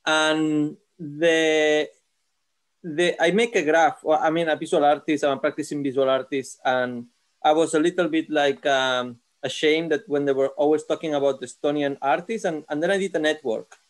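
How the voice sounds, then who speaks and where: A man in his thirties with a Catalan accent talks through a video call from his living room sofa. His voice sits fairly high, and he speaks haltingly, restarting his phrases as he searches for words. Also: steady tone. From Catalonia, Spain. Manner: halting, many restarts and fillers. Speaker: seminar participant, visual artist. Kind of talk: casual question in an online seminar. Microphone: laptop camera on a video call.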